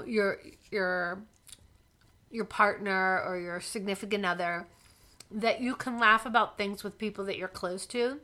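Young woman, playful co-host, gum-chewing, bright crisp tone. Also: medium pitch. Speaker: podcast co-host. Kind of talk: casual couple chat.

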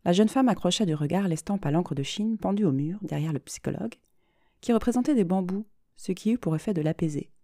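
A woman, a podcast host, narrating a short story in a steady, expressive reading voice close to the mic. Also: on the low side, fairly quick, dry recording. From France.

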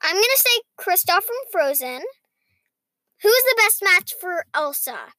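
A young girl with a very high, bright voice co-hosts a podcast. She talks casually and reads quiz questions aloud, with little room sound around her. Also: very animated, unhurried, no echo. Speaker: podcast co-host. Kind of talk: casual podcast chat, reading quizzes aloud.

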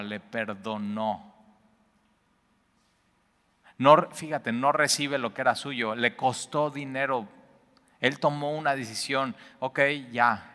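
A man preaching a sermon, swinging between emphatic bursts and hushed, intimate lines. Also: mid-range voice. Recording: long reverb of a large hall.

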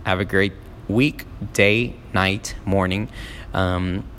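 Speaking slowly with fairly even intonation, a man from Miami delivers a solo podcast monologue, casual and rambling with many ums and restarts. His low voice is a bit bright, captured on a phone app in a large hall with a little hiss or hum.

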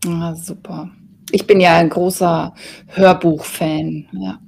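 Woman interviewer, slow and husky, with a gravelly edge. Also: lowish voice. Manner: calm and unhurried, gives short backchannel replies. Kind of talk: casual conversational interview.

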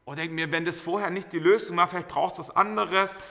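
Bright-voiced preacher in a hall. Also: male voice, high voice, a little fast, gravelly. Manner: lively anecdotal storytelling with many fillers. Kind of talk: storytelling sermon. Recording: reverberant hall.

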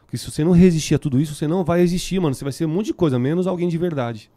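With a dark tone and a slightly high pitch, a man fires off his words rapidly in a São Paulo Brazilian Portuguese accent. As a band musician interviewed on a podcast, he chats casually in very slangy street talk packed with fillers.

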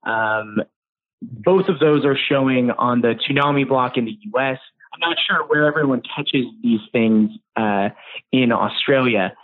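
A man's voice: mid-range voice, unhurried. An American man, a voice actor, giving an upbeat, friendly phone interview with eager energy. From United States. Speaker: voice actor guest. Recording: tinny phone line.

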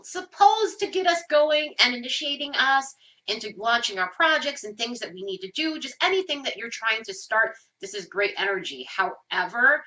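A woman's voice: fairly high pitch, bright, forceful tone, poor audio. A woman giving a casual astrology forecast with a nasal, stuffed-up voice, as if pinching her nose from a cold, explaining things informally. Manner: informal, explains with everyday examples, occasional swearing. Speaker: astrology host.

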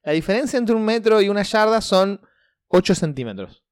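A man's voice: high voice, expressive, fairly quick, clean tone, no room sound, clean studio sound. A man co-hosting a casual podcast, explaining game rules as the game master. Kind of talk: casual chat.

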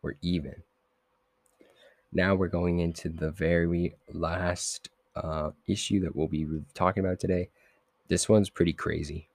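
A man's voice: deep voice, level tone, moderate pace, gravelly, a little mellow, no room sound. A young man hosting a podcast, casually recapping comic issues in a loose, rambling way full of fillers and self-corrections. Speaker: podcast host.

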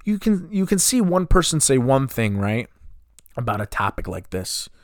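A young man in his twenties hosts a solo podcast. His voice sits at a middle pitch, and he talks with frustration, asking question after question. The sound is close and dry. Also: very animated, normal speed, no room sound. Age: 20s. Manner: impassioned, frustrated, rhetorical questions. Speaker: podcast host.

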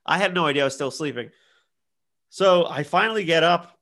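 A man's voice: on the high side, brisk. A man in his thirties, a podcast co-host telling a party story in casual chat and acting out the quotes. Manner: animated storyteller, acts out quotes.

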